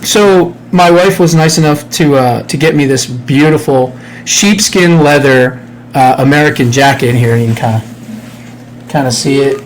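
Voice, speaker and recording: This co-host, a man in his fifties, speaks in a mid-range voice at a moderate pace, bantering sarcastically in a relaxed podcast chat. The computer mic in his home studio yields a low-quality sound with a touch of hiss or hum.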